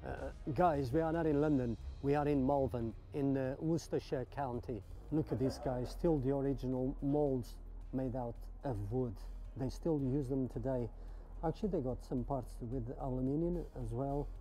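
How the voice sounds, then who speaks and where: Enthusiastic man with a dark, mellow voice. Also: medium pitch, moderate pace, soft background music. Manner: enthusiastic, admiring, many questions to viewers. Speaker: vlogger touring a car meet. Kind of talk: casual walkaround commentary. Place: outdoor car park.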